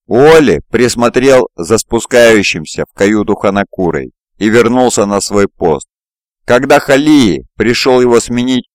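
Male audiobook narrator, low voice, dry close home recording, steady reading. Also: no room sound. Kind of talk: scripted fantasy narration. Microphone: close mic, home recording.

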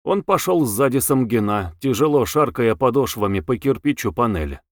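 A man's voice: medium pitch, expressive, moderate pace, dry recording, clean studio sound. A man narrating a novel as an audiobook, reading expressively.

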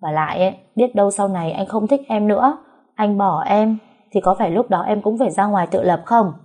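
Woman as stubborn young heroine in a storybook, insistent, warm voice. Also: medium pitch, fairly quick, voice pushed up, natural voice.

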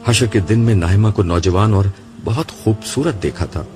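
A man reads a novel aloud in a measured, storytelling way. His voice is very deep, and a clear music bed runs under the whole reading. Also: mellow. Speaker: narrator. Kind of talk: audiobook narration.

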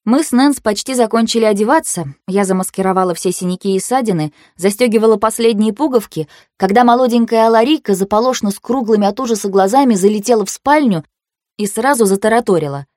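A woman narrating a first-person audiobook in an even, steady storytelling voice. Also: medium pitch, fast, no room sound, studio quality.

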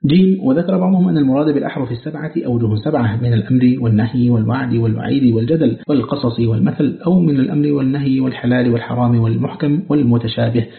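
A man reading a scholarly book aloud in a measured, formal way, slowing to chant the verses he quotes. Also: medium pitch, gravelly. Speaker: audiobook reader. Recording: echoey, phone-like narrow sound.

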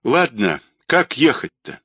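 A man's voice: mid-range voice, sing-song, takes it slowly, bright, forceful tone, slightly rough, no echo, pitched above the performer's own voice, heavily acted. A man doing an irritated man woken by a call. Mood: dry. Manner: dry, reluctant, then sharply protesting.

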